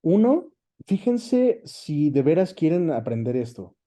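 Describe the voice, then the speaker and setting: His pitch fairly high and his delivery very animated yet unhurried and mellow, a Mexican voice actor and dubbing director explains things as an interview guest. The style is casual and conversational, with frequent short tag questions.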